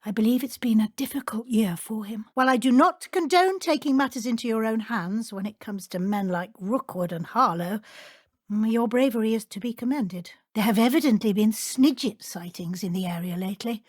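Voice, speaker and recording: Professor Matilda Weasley, high-voiced formal schoolmistress. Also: female voice, no echo, studio quality. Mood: wry, approving. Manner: formal, measured, crisp schoolteacher diction. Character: stern but caring woman professor at a wizard school. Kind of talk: scripted video game character dialogue.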